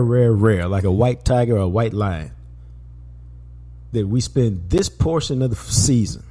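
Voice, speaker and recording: A man hosting a podcast, talking sports in an animated, slangy way and repeating words for emphasis. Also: lowish voice, husky. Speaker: podcast host. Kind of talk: casual sports talk.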